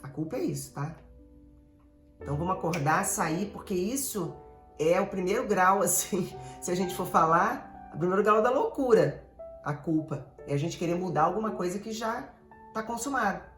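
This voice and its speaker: A Brazilian woman therapist giving an animated, digressive motivational talk, speaking straight to her listeners. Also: fairly low pitch, normal speed, echoey room, faint music behind. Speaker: emotional therapist.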